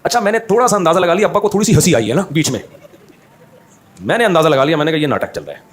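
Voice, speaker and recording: A man's voice: high-pitched, animated, racing. A man giving a religious talk, telling humorous anecdotes and acting out the people in them. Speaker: Islamic scholar giving a talk.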